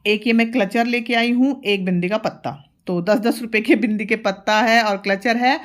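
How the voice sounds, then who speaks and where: A woman's voice: fairly high pitch, fairly even intonation, normal speed. A woman in her thirties, a mother, chatting casually through a home vlog and explaining each step. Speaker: vlogger, mother.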